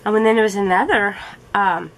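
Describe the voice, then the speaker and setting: A woman's voice: medium pitch, fairly even intonation, fairly quick, fairly bright tone, a little hiss or hum, low-quality recording. A woman hosting a crafting channel, chatting casually in a rambling, friendly way with small laughs. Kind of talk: casual chat while crafting.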